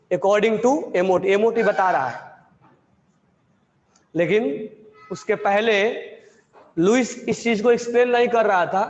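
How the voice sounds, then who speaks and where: A high-voiced man teaches chemistry, dictating slowly and repeating each phrase. He checks on his students with quick questions as he goes. His voice rings with a long reverb in the classroom. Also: highs cut off. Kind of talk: classroom lecture dictating notes.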